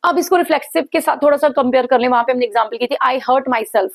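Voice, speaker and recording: Woman, grammar teacher, high voice, dry close sound, slow careful examples. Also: no room sound. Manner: explains in Hindi, slows down to read English examples; frequent hesitation fillers. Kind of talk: Hindi-English grammar lesson.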